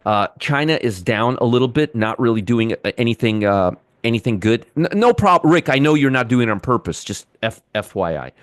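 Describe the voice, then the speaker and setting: A man's voice: medium pitch, big pitch swings, brisk, hardly any pauses, no echo, studio quality. Repetitive male trading-stream host. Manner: repetitive, talks to chat viewers by name. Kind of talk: live market commentary with chat.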